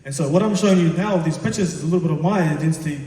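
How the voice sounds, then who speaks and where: In a big echoing hall, picked up from a distance, a male teacher gives an earnest school assembly talk. His voice sits fairly high for a man. He is encouraging but hesitant, not yet at ease with public speaking. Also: very fast, mellow, a little hiss or hum. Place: large reverberant indoor assembly space. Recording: echoey hall, distant microphone.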